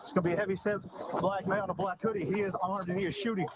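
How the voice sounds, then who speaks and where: A male police officer calling in over his radio, shouting urgently to dispatch. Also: sits high, little pitch movement, rapid-fire, over a noisy crowd. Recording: noisy body camera audio from a distance.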